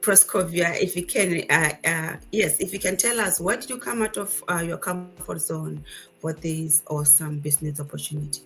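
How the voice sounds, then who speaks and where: A woman from Botswana hosting a live video chat, upbeat and quick to laugh, with formal greetings over a video call. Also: lowish voice, fairly bright tone. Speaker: host.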